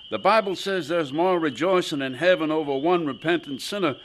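An actor playing a kindly, devout middle-aged father, a deacon who speaks gently and encouragingly in a radio drama. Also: on the high side, a little fast, slight background noise, close to an everyday voice. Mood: gentle.

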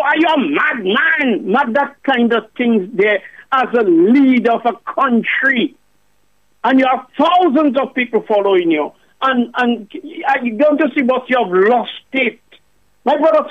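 A man calling in to a radio show, preaching and firing off rhetorical questions. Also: very high-pitched. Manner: preachy, repeats the host's name, rhetorical questions. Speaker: caller. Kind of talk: impassioned call-in rant. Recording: muffled phone line.

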